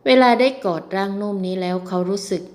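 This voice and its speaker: A woman reading a romance novel aloud in steady, even storytelling, lifting her voice for the heroine's lines. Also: medium pitch, fast. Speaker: audiobook narrator. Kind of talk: scripted novel narration.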